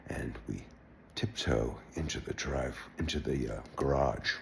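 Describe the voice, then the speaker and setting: An older man telling a wry personal anecdote in a relaxed, halting way, with wry understatement. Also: extremely low pitch, vocal fry, a little hiss or hum. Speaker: storyteller. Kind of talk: personal anecdote told aloud.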